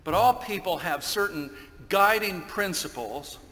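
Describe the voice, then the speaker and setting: Slow, bright-voiced preacher in a reverberant church. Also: male voice, sits high, lively intonation. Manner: slow, deliberate storytelling. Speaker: pastor. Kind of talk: sermon.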